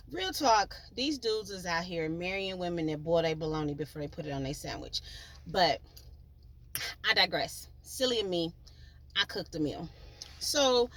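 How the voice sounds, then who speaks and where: Woman chatting slow and lively, tellin her own story on her podcast, lots of slang, lower voice. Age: adult, with children. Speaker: podcast host. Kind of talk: storytelling monologue.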